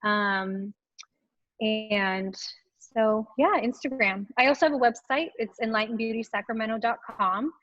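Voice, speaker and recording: A woman's voice: a little high, a little slow, fairly bright tone, dull audio. A woman esthetician and clinic owner, a podcast guest, talking in a friendly, chatty way with fillers. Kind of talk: casual interview chat.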